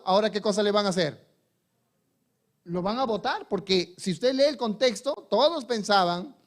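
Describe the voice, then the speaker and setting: A male pastor preaching a sermon. He asks the congregation questions and answers them himself, and moves between soft, slow passages and loud, emphatic ones. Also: high voice.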